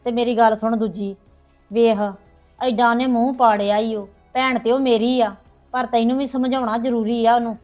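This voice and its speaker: Woman doing a worried middle-aged mom in a family drama vlog, high voice, pleading and talking nonstop. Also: steady tone, moderate pace, darkish tone, faint music behind, close to an everyday voice. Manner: pleading, anxious and talkative. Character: worried woman visiting her sister-in-law to plead. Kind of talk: hobby village family drama.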